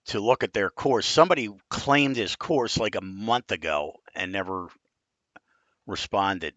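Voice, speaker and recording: A man in his fifties with a deep, gravelly voice, chatting casually and bluntly as he reviews game courses on a live stream. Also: measured pace, fairly bright tone, no room sound. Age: 50s.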